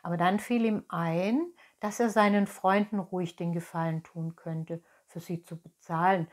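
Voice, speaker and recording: A woman reading a children's book aloud, calm and expressive, with brief asides to her listeners. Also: fairly low pitch, moderate pace. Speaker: storyteller, children's story host.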